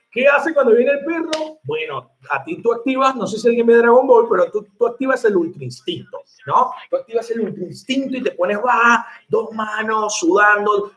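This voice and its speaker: A man who works as a bartender, telling a story to his viewers in an animated, chatty way and laughing along. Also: high-pitched. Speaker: bartender and online mixology teacher. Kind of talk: casual storytelling to camera.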